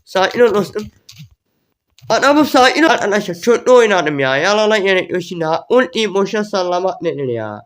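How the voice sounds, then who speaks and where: A young man giving excited gameplay commentary, repeating words in quick bursts as the match unfolds. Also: high voice. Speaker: gaming YouTuber.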